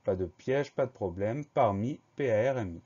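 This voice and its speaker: Man, spelling lesson, methodical teacher, mellow tone, muffled lo-fi sound. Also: lowish voice, animated, slightly rough. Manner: slow, methodical, spells words letter by letter. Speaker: French teacher.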